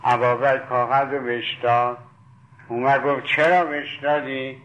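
A man's voice: medium pitch, level tone, a bit bright, highs cut off. A man preaching a sermon, retelling stories with quoted dialogue and fondly addressing his listeners. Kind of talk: sermon storytelling.

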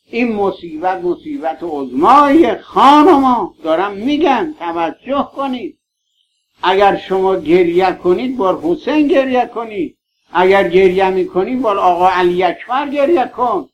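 A man's voice: high-pitched, expressive, slight background noise. A man preaching a mourning sermon, pleading with his listeners and calling them by affectionate names. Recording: dull lo-fi recording.

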